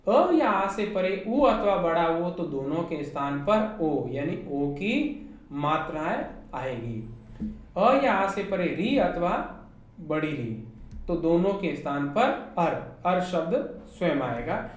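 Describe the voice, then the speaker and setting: A woman's voice: on the low side, very animated, slow pace. A woman teacher with a Hindi accent giving an online class lecture, explaining step by step and asking her students rhetorical questions. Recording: very echoey room with faint noise.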